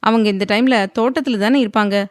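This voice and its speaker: A woman's voice: fairly high pitch, fairly even intonation, quick pace, dry recording, studio quality, voice pushed up, natural voice. A woman voicing a determined young heroine who speaks firmly and earnestly. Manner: firm, earnest.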